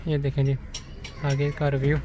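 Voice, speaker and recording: This young man from Pakistan-administered Kashmir, a used car vlogger, has a monotone mid-range voice with the highs cut off. Filming a van walkaround on a handheld phone at arm's length, he addresses viewers in quick sales patter. Outdoor noise fills the recording.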